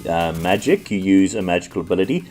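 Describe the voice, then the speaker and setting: A man's voice: low voice, fast talker, faint music behind. A man who is sick with the flu, casually commenting on an old computer game with frequent ums. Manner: relaxed, with frequent ums and likes. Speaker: retro game channel host.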